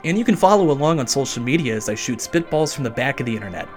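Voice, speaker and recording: A man hosts a podcast from inside a closet in a basement. His pitch swings widely as he reads a scripted story with wry, lively humor, then drops into a relaxed, grateful sign-off. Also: quick pace, over music. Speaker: podcast host.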